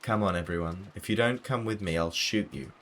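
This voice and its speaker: A man voicing a tense, sharp, commanding armed aunt who orders everyone along in a visual novel game. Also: low-pitched, fairly quick, a little hiss or hum. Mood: stern command.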